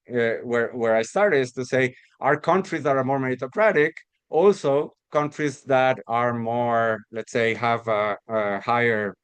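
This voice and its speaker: A Costa Rican man with a mid-range voice gives an academic research talk, recorded dry. He explains things step by step, often restarting and repeating words.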